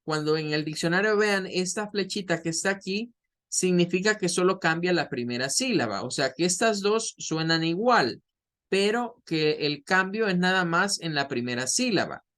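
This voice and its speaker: A man's voice: high-pitched, lively intonation, fairly bright tone. A male English teacher walks through pronunciation step by step. He explains patiently and says each model sound several times, raising his voice when he demonstrates it. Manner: explains slowly, repeats model sounds aloud. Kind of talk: online pronunciation lesson.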